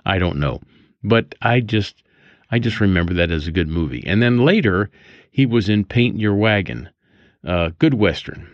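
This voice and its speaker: A man's voice: deep voice, no room sound. An older man hosting a casual daily almanac monologue, musing and digressive, chuckling as he reminisces. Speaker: podcast host. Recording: dull lo-fi dry recording.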